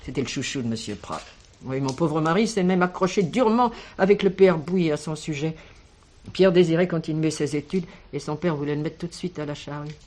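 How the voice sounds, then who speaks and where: An actress voices a kindly, protective older village schoolteacher in a French radio drama, her delivery measured and expressive. She speaks with a low female voice in a reminiscing mood.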